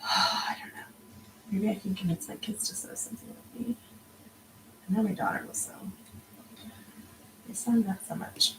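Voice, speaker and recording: A woman's voice: mid-range voice, normal speed, creaky, long pauses, noisy background. A tired woman in her thirties chatting casually during a crafting livestream, often dropping to a half-whisper as she counts stitches. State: tired, yawning. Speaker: crafting vlogger. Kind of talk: casual chat while stitching.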